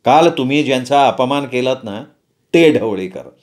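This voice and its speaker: Brief: male reader as calm young plotter, measured tone. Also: medium pitch, lightly acted. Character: calm, scheming young man.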